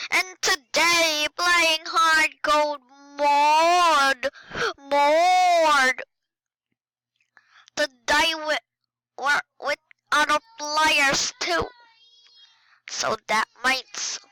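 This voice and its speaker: An excitable woman giving casual commentary while she plays a game. Her voice sits high and sounds bright. She talks slowly and keeps reacting out loud to the game. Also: dry recording, rough recording. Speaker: gaming video host.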